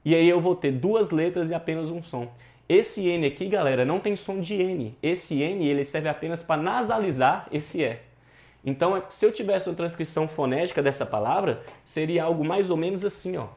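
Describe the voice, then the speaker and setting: A man's voice: a little high, expressive, moderate pace, gravelly, a little mellow. A male teacher, explaining exam questions in a casual, slangy, emphatic way. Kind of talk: exam prep lesson.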